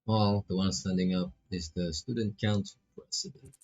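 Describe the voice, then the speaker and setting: A man with a Filipino accent plays a visual novel on stream, reading the dialogue in a relaxed way with playful asides. He speaks at normal speed in a low, slightly mellow, breathy voice with fairly even intonation. The sound is lo-fi, with music behind him.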